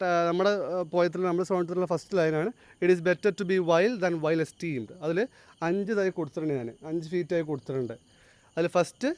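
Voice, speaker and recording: A male teacher giving a classroom lecture, explaining step by step, quizzing his students and reading English lines slowly and deliberately. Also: on the high side, no room sound. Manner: explains, then asks the class to answer.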